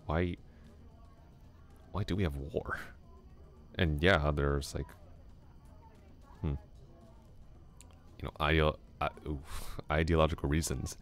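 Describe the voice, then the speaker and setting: This ASMR roleplay features a man voicing a talkative young male classmate at an extremely low, exaggerated pitch. He muses aloud softly and in a rambling way, letting small chuckles slip in.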